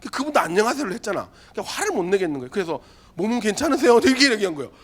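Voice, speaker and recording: High, lively male youth pastor. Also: very fast. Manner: lively comic storytelling, acting out voices; direct, chatty address to listeners. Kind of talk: sermon to a youth group.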